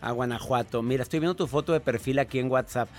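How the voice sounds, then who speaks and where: A man hosting a call-in radio show, teasing callers with quick, joking interjections. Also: mid-range voice, soft background music.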